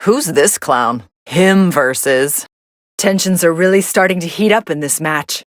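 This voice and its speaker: Fighting game role: sardonic young android woman voiced by an actress, lowish pitch, dry studio sound, dismissive commentary. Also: measured pace, dry recording, close to an everyday voice. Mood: dry, unimpressed. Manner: deadpan, dismissive.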